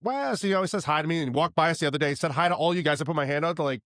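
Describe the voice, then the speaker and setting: A man's voice: a little high, fairly even intonation, rapid-fire, fairly bright tone, no echo. A man co-hosting a podcast in casual chat, grumbling in a self-deprecating way, close on a studio microphone. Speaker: podcast co-host.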